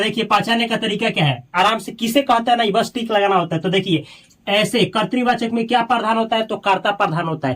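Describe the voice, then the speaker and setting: Male grammar tutor with a raised, high voice. He runs a coaching-class lesson, quizzes himself out loud and coaxes his students. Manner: repeats example sentences slowly, asks and answers his own questions; coaxing, reassuring students directly. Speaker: Hindi grammar teacher.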